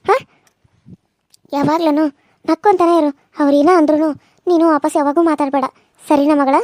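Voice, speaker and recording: A woman's voice: high-pitched, fairly even intonation, normal speed, a little mellow, dry recording, studio quality, natural voice. A woman voicing a caring village mother in a cartoon serial, giving fussy, motherly advice with a North Karnataka Kannada accent. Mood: advising. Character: middle-aged village mother, caring and advising.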